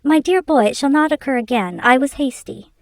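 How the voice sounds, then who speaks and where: A woman's voice: high-pitched, expressive, fairly quick, no room sound, voice pushed up. Sputtering old rich man as voiced by a woman reader, pleading, agitated, dry close sound. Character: blustering elderly male American millionaire.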